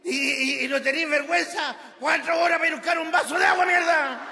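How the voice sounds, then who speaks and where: A man with a Chilean accent voicing a drunk husband who yells at his wife in a high, strained voice. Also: a little fast, in a large hall, crowd noise, background noise. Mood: outraged.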